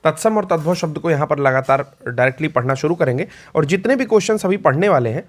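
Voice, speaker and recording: A man's voice: a little high, animated. Man teaching a Hindi exam-prep lesson. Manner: explanatory, repeats key words slowly, frequent "ठीक है"; clears throat often.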